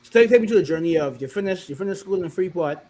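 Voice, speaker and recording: A man's voice: sits high, lively intonation, very fast, darkish tone. A man hosting an interview, asking long, rambling questions full of restarts. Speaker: podcast host.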